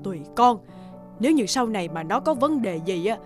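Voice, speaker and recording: A woman's voice: mid-range voice, big pitch swings, fairly quick, lightly acted. A woman voicing a superstitious, bossy older mother-in-law who nags and scolds in a cartoon. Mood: insistent. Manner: nagging, scolding. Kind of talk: cartoon dubbing. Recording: loud background music.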